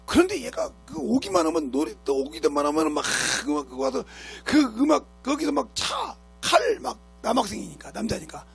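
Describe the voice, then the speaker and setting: A male pastor preaching in a church with a raspy, gravelly voice. His pitch sits high and swings widely as he scolds and drives his points home with rhetorical questions. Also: sing-song, a little fast, hardly any pauses, faint music behind. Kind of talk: sermon. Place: church sanctuary.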